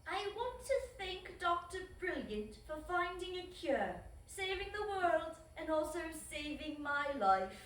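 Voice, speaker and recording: A woman's voice: extremely high pitch, very animated, measured pace, hardly any pauses, a bit bright, full character voice. A woman playing a regal old queen turned zombie in a comedic table read, with a grand delivery. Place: echoey room at a group table read. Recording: roomy echo, distant mic.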